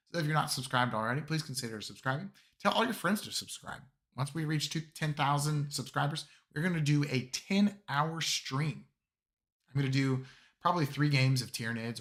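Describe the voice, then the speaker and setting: A man hosting a live stream, with a voice still raspy from a cold, chatting upbeat and casual with his viewers. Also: mid-range voice, fairly bright tone. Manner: upbeat, talks to chat. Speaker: streamer host.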